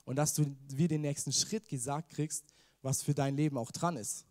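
A man's voice: on the high side, steady tone, moderate pace, darkish tone. Casual, chatty man preaching a sermon. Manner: casual, chatty, asks the listeners questions; mixes in English slang. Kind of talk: informal youth sermon.

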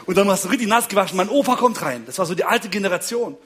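High-voiced man telling funny family stories. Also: lively intonation, racing, fairly bright tone, faint music behind. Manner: keeps checking in with listeners, chuckles often; family man telling anecdotes about wife and kids. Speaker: speaker on marriage and relationships. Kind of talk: humorous storytelling talk to an audience.

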